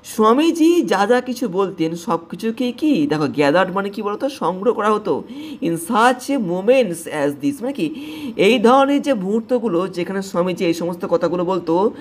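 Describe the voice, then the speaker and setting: Woman teacher, lively rising and falling pitch, reads a line then explains, asks students questions. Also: normal speed, a little hiss or hum. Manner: reads English lines then explains in Bengali, checks understanding with questions. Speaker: English teacher. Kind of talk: explaining an English text to students.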